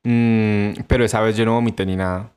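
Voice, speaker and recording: A man's voice: lowish voice, steady tone, fairly quick, a little mellow, clear, resonant tone. A young man with a Colombian accent telling stories in a casual podcast chat, laughing often and acting out quotes. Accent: Colombian Spanish. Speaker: podcast co-host.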